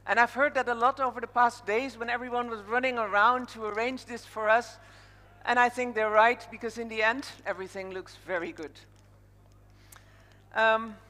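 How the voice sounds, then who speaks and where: On stage in a large conference hall, a woman from the Netherlands opens the live event as a casual emcee, her Dutch accent clear. Her voice is a little high, bright and forceful, and the PA carries a strong hall echo.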